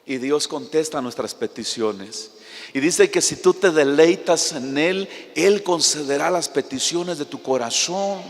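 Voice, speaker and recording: A man preaching from the pulpit with a voice that sits somewhat high for a man. He tells his story with passion and surges toward near-shouting. His words ring through a church hall with a long reverb. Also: animated, a little slow. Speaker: pastor. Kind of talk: sermon.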